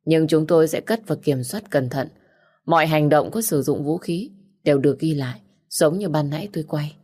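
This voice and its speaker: A composed male doctor explains himself in a steady, measured way in an audiobook, read by a woman. The voice is low-pitched and even. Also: breathy edge. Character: calm, firm male doctor. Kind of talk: audiobook character reading.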